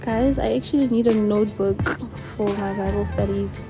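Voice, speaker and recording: A woman's voice: mid-range voice, fairly even intonation, normal speed, loud music behind the voice. A young woman with a South African accent, chatting casually in a vlog and mixing Setswana with English, filmed on a phone at arm's length. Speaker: vlogger. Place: car and shops, handheld camera. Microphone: phone camera at arm's length.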